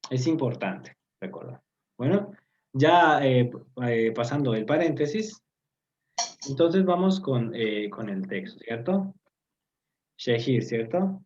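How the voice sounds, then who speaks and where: A man's voice: medium pitch, expressive, takes it slowly, darkish tone, lo-fi sound, slight background noise. A man teaching a language lesson to an online group, patiently explaining with frequent fillers and checking understanding with tag questions. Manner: hesitant, many fillers. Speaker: Turkish teacher. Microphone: video call.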